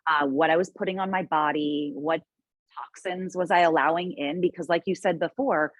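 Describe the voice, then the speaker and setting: A woman's voice: deep voice, steady tone, moderate pace, no room sound. A woman guest in a casual interview, speaking earnestly and reflectively with frequent restarts.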